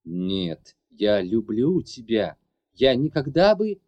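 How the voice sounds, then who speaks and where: A man voicing a brooding young mage who insists on justifying himself, low and heavy. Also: very animated, slow pace, warm tone, muffled recording. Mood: bitter. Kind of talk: audiobook character voice.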